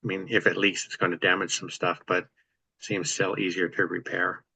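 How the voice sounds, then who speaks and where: A man with a deep, crisp-toned voice chats on a video call about practical landlord matters. He explains at length in an easygoing, matter-of-fact way, his pitch staying fairly level. The sound is dry and close. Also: little pitch movement, moderate pace, sharp tone, slight background noise, poor audio. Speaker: real estate investor host. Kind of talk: casual chat on a video call.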